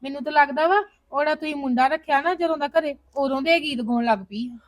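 A woman plays a younger sister in a homemade family drama. She talks high and quick. She teases her elder sister and tattles to their mother. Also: far from the mic. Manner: teasing, tattling chatter.

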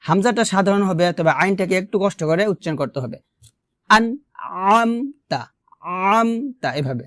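A man teaching pronunciation for reciting a chapter of scripture. He draws out each word slowly, repeats single sounds, and corrects common mistakes. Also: high voice, no echo, clean studio sound. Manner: slow drawn-out recitation, then quick explanations. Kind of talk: pronunciation lesson.

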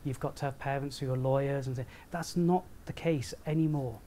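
A man's voice: medium pitch, fairly even intonation, brisk, dark tone. Man, panel chair, earnest, faint room hum. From Wales. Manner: earnest, checks in with 'all right?'. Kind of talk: moderating a panel talk. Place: seminar room.

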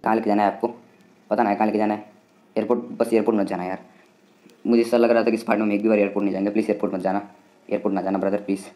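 Indian man, gaming host, rapid excited play-by-play, dark low voice. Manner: excitable, chatty, talks to the game and viewers. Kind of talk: casual game commentary.

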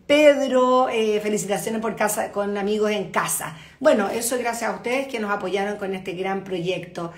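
A woman's voice: medium pitch, normal speed, few pauses. A woman hosting a live online show, chatting casually and greeting viewers by name from an open-plan home beside a kitchen. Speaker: host. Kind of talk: casual live-stream chat. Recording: echoey room.

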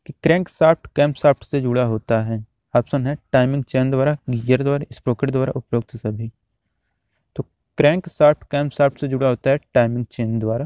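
A man teaching, reading out quiz questions and their options one by one, then repeating each answer in a steady drill. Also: medium pitch, dry recording. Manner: steady, repetitive exam-drill delivery.

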